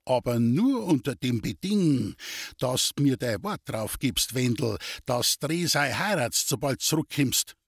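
A man's voice: mid-range voice, expressive, measured pace, slightly rough, no echo, clean studio sound. A man voicing a good-natured old farmer and proud father with a Bavarian accent, talking in a rambling way. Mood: reminiscing. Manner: warm-hearted, rambling.

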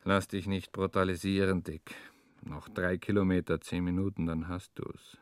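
A man's voice: sits low, level tone, normal speed, no room sound, clean studio sound. A man delivering a dramatic literary monologue, ranting sardonically and puffing for breath between phrases. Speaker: narrator.

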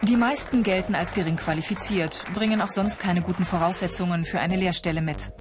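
A woman's voice: fairly low pitch, fairly quick, over music, crowd noise. A woman reading scripted narration for a television news report.

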